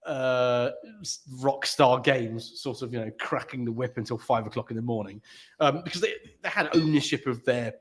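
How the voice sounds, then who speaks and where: A man's voice: medium pitch, moderate pace. A British man in casual podcast chat, a rambling storyteller who laughs often. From Britain. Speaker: podcast co-host.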